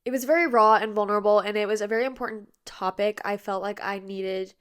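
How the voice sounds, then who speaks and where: In her bedroom, a twentysomething woman hosts a podcast, chatting casually into an iPad on a tripod. Her mid-range voice is smooth and fast. She's slightly nasal and congested, seemingly tired yet bubbly, and her talk is packed with fillers.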